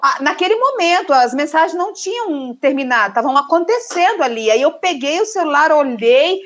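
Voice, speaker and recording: A woman's voice: high voice, brisk. A middle-aged woman co-hosting a podcast, telling stories in casual chat and acting out the voices she quotes. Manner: lively storyteller who acts out quoted voices. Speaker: podcast co-host.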